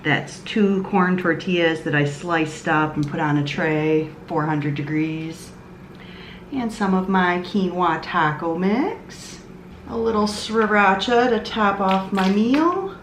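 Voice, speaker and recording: A woman's voice: lowish voice, slow pace, echoey room, a little hiss or hum. A woman chatting casually about her meals in a food vlog, often laughing. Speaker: vlogger.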